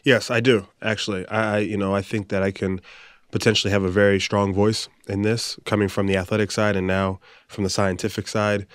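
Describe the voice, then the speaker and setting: A man's voice: fairly low pitch, little pitch movement, brisk, no echo. A young man from the Bahamas, a new doctor, giving earnest, articulate interview answers. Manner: earnest and articulate, some restarts. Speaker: guest, new medical doctor.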